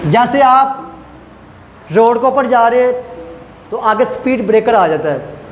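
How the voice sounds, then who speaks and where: High-voiced male lecturer in echoey hall. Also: slight background noise. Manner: explains step by step, repeats example phrases slowly. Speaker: teacher. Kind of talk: classroom lecture.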